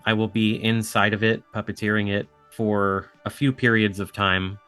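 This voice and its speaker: Lowish-voiced man chatting as a podcast guest. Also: flat delivery, moderate pace, fairly bright tone, clean tone, soft background music. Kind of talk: casual chat.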